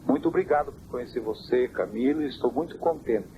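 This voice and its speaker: A church elder on a hissy, worn old cassette tape, answering questions about doctrine with measured, scripture-quoting speech. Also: male voice, mid-range voice, expressive, dull audio. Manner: measured, quotes scripture in a preaching cadence. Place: family home.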